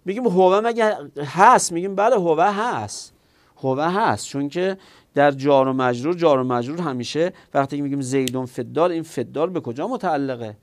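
A man with a somewhat high voice gives a classroom grammar lecture. He works through each point step by step, poses rhetorical questions and answers them himself, and turns to his students with instructions. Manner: addresses students directly. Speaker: teacher.

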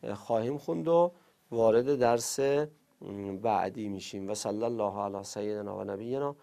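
A man's voice: fairly low pitch, gravelly, mellow. A man teaching Arabic grammar in Persian, rattling off verb conjugation lists in a falling sing-song and stopping now and then to explain to students. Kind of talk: recorded class lesson, rapid verb conjugation drills.

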